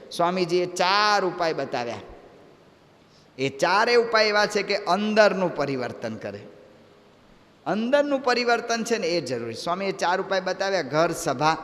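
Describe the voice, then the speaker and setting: A monk preaching a sermon, telling a parable in a lively, repetitive storytelling manner. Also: male voice, high voice, in a large hall. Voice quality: lively, repetitive storyteller who acts out voices.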